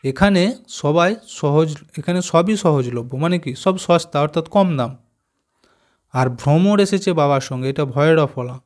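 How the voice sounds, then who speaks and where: A slightly higher-pitched man teaches young pupils, breaking each word into its letters with patient, careful stress. He pauses to quiz them and then gives the answer himself. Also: darkish tone. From West Bengal, India. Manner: slow, careful spelling out of letters, asks pupils questions. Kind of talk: explaining a primary school textbook.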